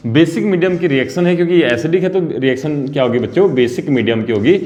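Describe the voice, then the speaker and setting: A male chemistry teacher giving a lively lecture, repeating key terms and coaxing his students to answer. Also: a little high, fast, highs cut off. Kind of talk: classroom lecture.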